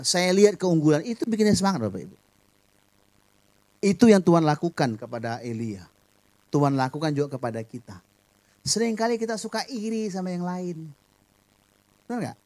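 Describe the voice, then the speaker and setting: Man, middle-aged, pastor, animated storytelling sermon, fairly high voice.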